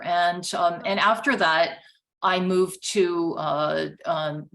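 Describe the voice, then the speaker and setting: A woman's voice: fairly low pitch, a bit bright. Middle-aged woman from Japan, pianist guest; reflective, filler-heavy, laughs easily. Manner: thoughtful, laughs often, many fillers. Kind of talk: conversational interview.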